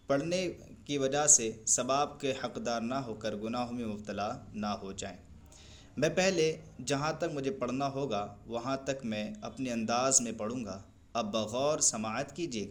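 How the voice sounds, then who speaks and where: A man with a Pakistani Urdu accent teaching Quran recitation, explaining pronunciation rules slowly and carefully. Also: medium pitch. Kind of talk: tajweed lesson with chanted recitation.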